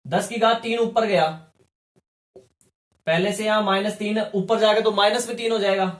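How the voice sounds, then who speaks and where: A man's voice: sits high, fairly even intonation, moderate pace. A male chemistry teacher giving a classroom lesson, explaining step by step and often asking his students questions. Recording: echoey room.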